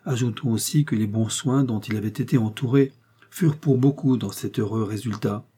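A man reads a classic novel aloud as an audiobook narrator. His voice is dark and mellow with a husky edge, and his delivery is measured and literary. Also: mid-range voice. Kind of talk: audiobook reading.

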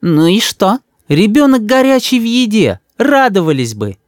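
A man reading a story aloud and voicing a doting, protective old grandmother who talks in a hurried, fussing way. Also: sits high, very animated, no echo, studio quality, voice pushed up.

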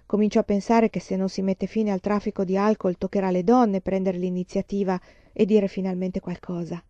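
A woman's voice: mid-range voice, flat delivery, fairly quick, warm tone, no room sound, highs cut off, close to an everyday voice. A woman reading the lines of a strict, proper pioneer mother in a disapproving, earnest way.

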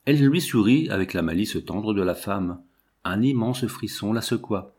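A man narrating a classic novel with a measured, expressive delivery. His voice sits somewhat low, and he reads steadily. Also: slightly rough. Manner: measured, expressive literary reading. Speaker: audiobook reader. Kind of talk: scripted narration.

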